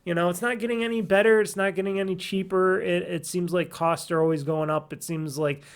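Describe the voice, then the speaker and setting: Solo gaming podcast host, male, nasal and high-pitched, rambling and self-deprecating, desk mic at home. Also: fairly even intonation, brisk. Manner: rambling and jokey, laughs at himself. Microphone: desk mic at home office.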